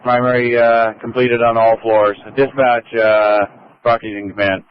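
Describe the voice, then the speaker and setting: A man's voice: mid-range voice, little pitch movement, a little slow, clean tone, dry recording. A man working as a fire incident commander on a two-way radio, giving procedural dispatch traffic and repeating reports back. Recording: muffled lo-fi fire radio transmission.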